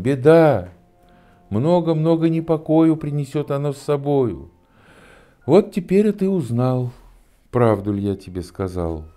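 A man in his sixties voicing a small, wise humpbacked horse who speaks softly and comfortingly. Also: mid-range voice, pitched above the performer's own voice, natural voice. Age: 60s. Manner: soft, comforting.

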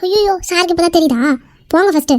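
A piercingly high, fast-talking cartoon wife, hurt and indignant, snaps back with rapid retorts. The recording is close and dry, with no room around it. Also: female voice, dry recording. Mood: angry. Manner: scolding, indignant, quick retorts. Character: young wife, hurt and angry, sharp-tongued. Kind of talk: cartoon skit voice acting.

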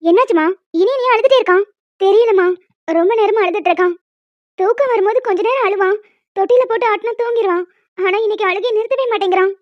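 A woman voicing a young wife and other women of a family in an animated story, with quick, expressive delivery. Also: very high-pitched, dry recording. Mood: emotional chat. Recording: dry, dull lo-fi home mic.

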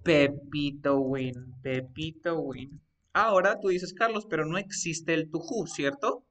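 A man's voice: on the high side, fairly even intonation, slow, a bit bright, recorded from a distance. A man teaching an English grammar lesson, coaxing his students step by step with repeated questions. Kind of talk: live online grammar lesson.

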